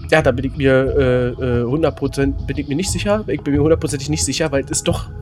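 A man's voice: medium pitch, fast talker, darkish tone, faint music behind. A man co-hosting a casual podcast, thinking aloud as a quiz contestant, rambling with lots of fillers and laughter.

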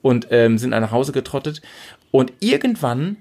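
A young man from Lower Saxony, telling a long anecdote in casual chat and acting out the quotes. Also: moderate pace. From Lower Saxony, Germany. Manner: animated anecdote-telling, acting out quotes with big pitch jumps. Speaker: storyteller.

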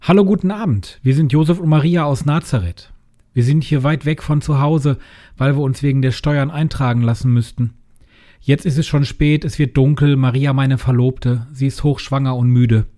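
A man's voice: medium pitch, normal speed, mellow, natural voice. A man voicing an earnest, weary traveling husband. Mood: polite. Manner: earnest, polite, reassuring. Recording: music behind the voice.

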